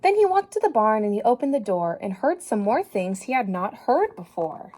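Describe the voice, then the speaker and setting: A woman with a slightly high voice gives an animated, encouraging, teacher-style reading of a children's story. Along the way she pauses to pose questions straight to the little ones.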